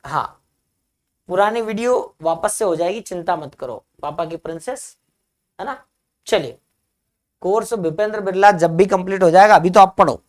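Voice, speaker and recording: A male teacher leads a live online grammar lesson. He breaks off to reassure students who write in the chat. He then dictates definitions slowly and repeats them phrase by phrase. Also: high-pitched. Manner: answers chat comments, reassuring.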